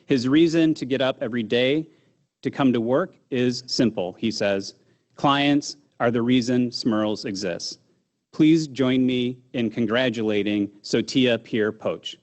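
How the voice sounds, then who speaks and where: Male awards presenter, formal and measured, mid-pitched, reading citations.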